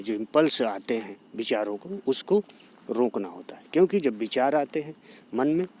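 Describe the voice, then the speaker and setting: A man teaching yoga in a steady, explanatory talk, going back over his key points. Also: mid-range voice, a little hiss or hum.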